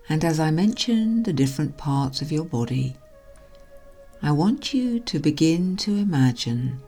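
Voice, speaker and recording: A woman hypnotherapist narrating a guided relaxation in a soothing, hushed delivery that trails softly toward a whisper. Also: sits low. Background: music.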